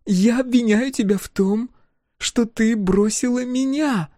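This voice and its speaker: A woman's voice: on the high side, unhurried, mellow, no echo, studio quality, pitched above the performer's own voice. A man voicing a fierce, bitter young woman scientist whose voice breaks in anger. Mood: accusing. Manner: cutting, angry, voice breaking.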